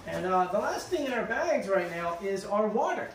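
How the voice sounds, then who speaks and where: A man's voice: high-pitched, sing-song, normal speed. A young man vlogging casually at home, walking through his hiking gear in a rambling, chatty way. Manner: chatty, rambling with fillers and restarts. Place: living room floor, indoors. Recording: roomy, distant camera mic, faint hiss.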